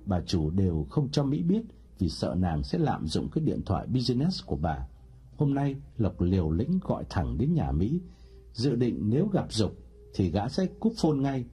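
Audiobook narrator: man, very dark and husky voice, lively pitch, faint music behind. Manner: expressive storytelling. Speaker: storyteller and narrator.

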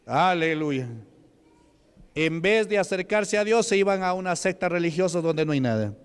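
A man from Peru with a Peruvian Spanish accent, preaching at a church deliverance service, shouting commands and chanting repeated praises. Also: sits high, animated, moderate pace, smooth.

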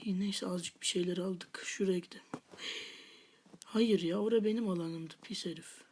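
A woman's voice: lowish voice, fairly even intonation, moderate pace, a little mellow, a little hiss or hum. A woman hosting a gaming channel, giving live gameplay commentary with half-whispered muttered asides and playful taunts at opponents.

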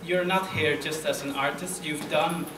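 A man's voice: on the high side, steady tone, moderate pace. A young man hosting a live interview, casual and full of fillers. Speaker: host. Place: room with a table, audience. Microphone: table mic on stand. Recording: echoey room, noisy, far from mic.

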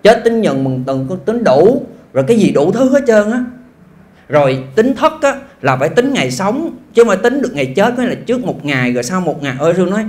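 A man, a monk giving a sermon in an animated, folksy storytelling way with frequent exclamations. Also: sits high, a little fast. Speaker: monk giving a Dharma talk.

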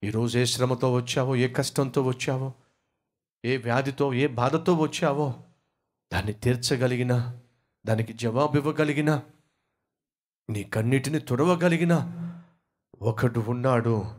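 A man's voice: mid-range voice, measured pace, long pauses. A male pastor preaching a sermon, driving his points home with emphatic, repeated rhetorical questions.

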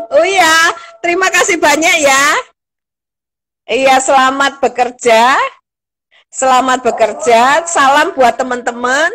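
A woman's voice: high voice, slow, long pauses, a bit bright. A middle-aged woman, a lecturer hosting a casual live-stream chat, encouraging and chatty, with frequent fillers and small laughs.

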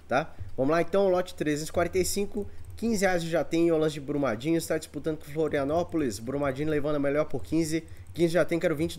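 A man's voice: fairly high pitch, darkish tone. A man with a Brazilian accent working as an auctioneer, calling a live online auction in repetitive patter of bids and counts. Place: indoor room full of antiques.

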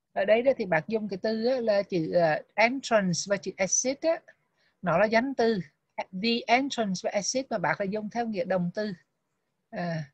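A woman teaching a Buddhist text lesson, reading English terms and drilling their pronunciation slowly and deliberately. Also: medium pitch, darkish tone, no room sound. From Vietnam. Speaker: Abhidhamma teacher. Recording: dull lo-fi, dry sound.

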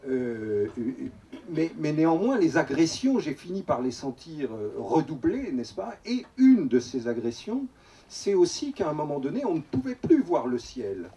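A man in his fifties from Paris, moderating a public talk in a measured, formal way with frequent hesitations, speaking into a handheld mic. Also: on the high side, big pitch swings, warm tone, recorded from a distance. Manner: measured, formal, many "euh" and "n'est-ce pas". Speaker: moderator, writer and teacher. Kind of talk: public talk, asking a question. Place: open tent at a rural festival.

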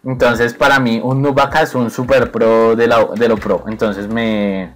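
A young man giving excited, playful commentary over his own gameplay, teasing his opponent and laughing often. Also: mid-range voice, a little slow. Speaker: gaming video creator.

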